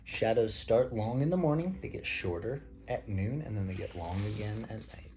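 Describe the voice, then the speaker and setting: Speaking at a moderate pace in a lowish, animated voice, a father reads a picture book to his child and drops in casual, simple explanations. The recording carries faint background noise.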